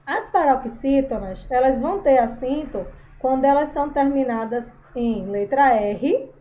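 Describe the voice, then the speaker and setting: A woman's voice: sits high, expressive, normal speed, warm tone, a little hiss or hum. A woman teacher giving a recorded grammar lesson, explaining patiently and calling her students by affectionate names. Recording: dull lo-fi recording.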